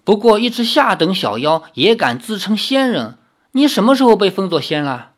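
A prickly demon king, as a reader puts him on, snaps back in quick, huffy bursts. He is boastful and sulky, and his pitch climbs and swoops as he talks. It is a storybook reading. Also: very animated. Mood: grumbling. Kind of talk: audiobook reading.

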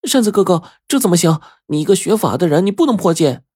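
A man's voice: expressive, fast talker, warm tone, breathy edge, no echo, clean studio sound. A man voicing a startled teenage girl. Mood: alarmed. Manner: raised, alarmed pitch. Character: shy sixteen-year-old girl, startled.

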